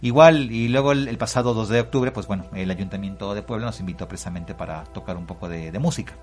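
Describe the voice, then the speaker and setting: Fast-talking Mexican man on radio. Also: on the low side, soft background music. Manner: talks freely and at length, with many "pues" and "este". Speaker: guest musician. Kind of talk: casual radio interview.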